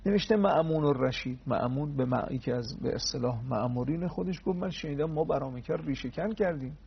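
A man's voice: on the high side, creaky, dull audio, a little hiss or hum. A man giving a religious talk on a TV program. He tells old stories, acts out the dialogue, and adds pious honorifics along the way.

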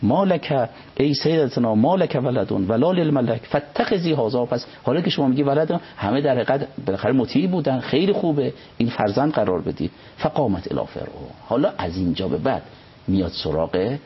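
A man, a religious scholar, reciting Arabic passages and explaining them in an unhurried conversational commentary. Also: medium pitch, lively intonation, husky. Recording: dull lo-fi recording.

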